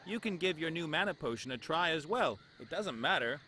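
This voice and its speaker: A man voicing an eager, chatty adventurer in a fantasy video game, casual and expressive. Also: on the high side, fairly quick, a little hiss or hum. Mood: cajoling. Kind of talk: video game character acting.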